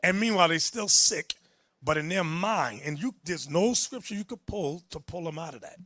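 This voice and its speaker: A man's voice: a little high, lively intonation, moderate pace, sharp tone, no echo, studio quality. A man preaching and teaching from the Bible, emphatic and direct, telling a reader when to go on.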